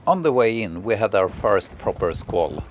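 A middle-aged man from Sweden, a Swedish speaker, narrating his sailing travels in an unhurried way with many filler pauses. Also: lowish voice, sing-song, soft background music. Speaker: sailing vlogger.

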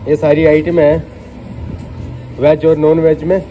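Young male travel vlogger, slightly high voice, selfie-phone sound with music under it. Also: level tone, slow, highs cut off. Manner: chatty, addresses viewers as guys. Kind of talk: casual vlog narration. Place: outdoors on roads, bus and in a small cafe. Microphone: phone camera at arm's length.

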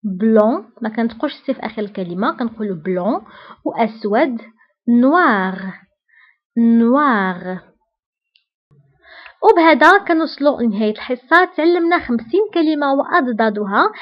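A woman's voice: on the high side, expressive, moderate pace, long pauses, dull audio. A woman with a Moroccan accent teaching French vocabulary, saying each word and then repeating it with care. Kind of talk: vocabulary lesson.

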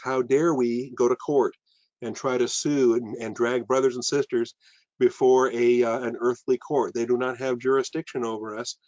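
Speaking through a webcam, an older man who serves as a pastor delivers a sermon from a bookshelf-filled room, sincere but riddled with fillers and false starts. The recording is dry, dull, and lo-fi, and his mid-range voice carries a darkish tone.

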